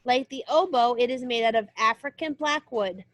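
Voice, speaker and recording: There's no room sound as this music teacher, her voice somewhat high and a bit bright, reads a children's book aloud at a moderate pace. Aiming her explanations at young listeners, she shifts between reading the text and adding short remarks of her own.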